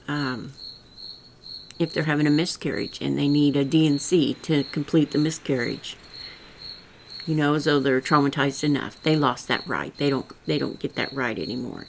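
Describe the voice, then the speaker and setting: In a solo political commentary episode of her own podcast, an older host with a rural Southwest Missouri accent rambles on in a folksy, earnest way. Her voice sits low, with a little background noise behind it.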